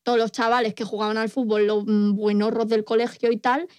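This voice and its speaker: A young woman with a Spain Spanish accent telling school stories on a podcast. Her fairly high voice is smooth and clear, and her delivery is casual and playful. The recording is dry and close. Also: flat delivery, a little fast, a little mellow, no echo. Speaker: podcast co-host. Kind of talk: casual chat.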